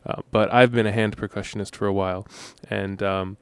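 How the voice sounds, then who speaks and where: A young man guesting in a radio studio interview, explaining at length in a relaxed way with many ums. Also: fairly low pitch, brisk, clean tone, no room sound. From United States. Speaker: musician guest.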